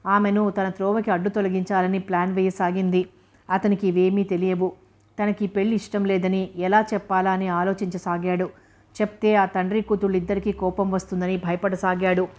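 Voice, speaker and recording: A woman narrating a novel aloud in an even, steady storytelling manner. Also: medium pitch, a little fast.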